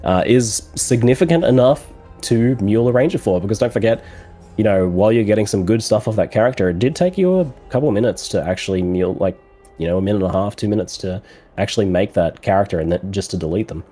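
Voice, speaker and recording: A man with a scratchy voice from a cold, commentating an esports race in a measured, analytical way with some fillers. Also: lowish voice, expressive, warm tone, faint music behind.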